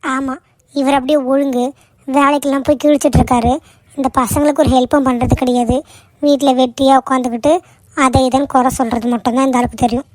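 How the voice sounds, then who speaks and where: A woman voicing a sharp-tongued, scolding middle-aged mother in a cartoon. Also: sits high, little pitch movement, fast talker, no room sound, natural voice. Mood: sarcastic. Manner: nagging, sarcastic. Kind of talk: cartoon voice acting.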